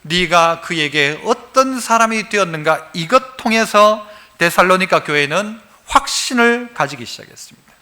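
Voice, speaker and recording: Pastor, male, very high tense voice, folksy call-and-response preacher in a church. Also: moderate pace. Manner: lively, quizzes the congregation and prompts responses; folksy and humorous. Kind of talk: sermon. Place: church sanctuary, live service.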